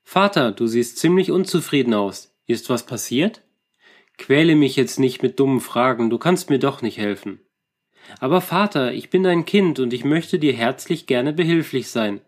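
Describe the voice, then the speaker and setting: A man reading a storybook, voicing a bold young man who speaks up loudly. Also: medium pitch, lively intonation, normal speed, natural voice. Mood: pleading. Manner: raised, blustering when annoyed.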